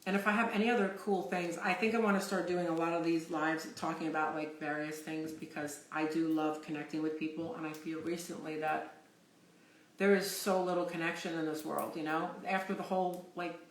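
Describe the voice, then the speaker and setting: Chatty mom telling ghost stories, roomy echo. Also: female voice, low voice, level tone, a little fast. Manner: rambling, chatty, swears freely. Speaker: livestream host. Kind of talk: casual storytelling on a livestream.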